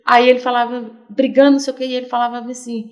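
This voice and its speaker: A middle-aged Brazilian woman with a Brazilian Portuguese accent, a podcast guest chatting casually and telling anecdotes lively, acting out the quoted voices. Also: on the high side, rapid-fire. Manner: animated storyteller, acts out quoted voices. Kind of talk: casual chat.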